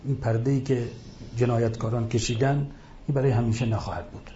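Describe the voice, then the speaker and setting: A man giving an impassioned religious lecture, retelling a story and rising into loud rhetorical outbursts. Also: medium pitch, steady tone, reverberant, slight background noise. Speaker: preacher. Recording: dull lo-fi recording.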